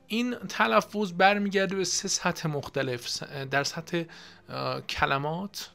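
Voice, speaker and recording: A young man from Iran teaching an exam-prep lesson in a casual, explanatory way, often pausing with fillers. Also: a little high, creaky, a bit bright. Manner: explanatory, with frequent filler pauses. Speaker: IELTS teacher.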